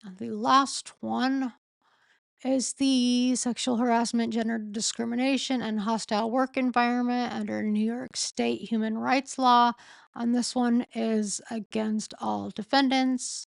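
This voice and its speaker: A woman streamer with a fairly high, vocal-fry voice reads a court filing slowly during a casual late-night live stream, pausing and correcting herself as she halts along. Her throat is sore and she is losing her voice, though her intonation stays fairly even. The recording is dry and studio quality.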